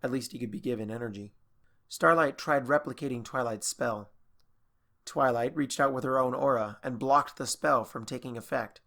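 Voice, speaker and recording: A man narrating a fan fiction audiobook in a steady, even storytelling manner. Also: mid-range voice, normal speed, vocal fry.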